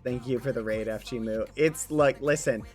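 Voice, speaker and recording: A livestreamer chatting casually with viewers, with an excitable, gushing way of greeting people. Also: mid-range voice, normal speed, soft background music.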